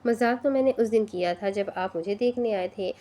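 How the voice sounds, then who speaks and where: A woman voicing a cheeky, mischievous young female student who talks in a calm, witty way. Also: medium pitch, close to an everyday voice. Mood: cool.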